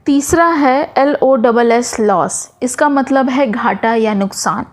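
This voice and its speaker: A woman's voice: on the high side, slow pace. A woman teaching English in Hindi, spelling words out letter by letter and giving examples.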